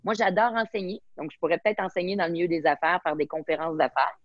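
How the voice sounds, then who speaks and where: Québécoise lady on a video call, lowish voice, dull lo-fi sound, super enthusiastic, drops english words. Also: steady tone, quick pace, no echo. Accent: Québécois French. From Quebec. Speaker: guest speaker. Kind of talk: webinar interview.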